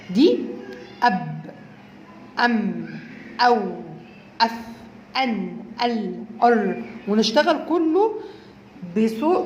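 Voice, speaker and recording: A woman with an Egyptian accent teaches speech therapy at a quick pace, modelling each sound slowly and checking that her listeners follow. Her voice sits fairly high. The room is echoey, with faint background noise. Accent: Egyptian Arabic. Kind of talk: instructional explanation.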